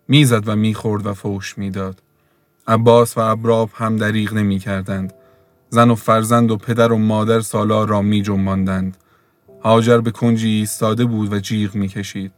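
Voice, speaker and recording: A man reading a novel aloud in steady, measured scripted narration, with faint music behind. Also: fairly low pitch, dry recording. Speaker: audiobook narrator.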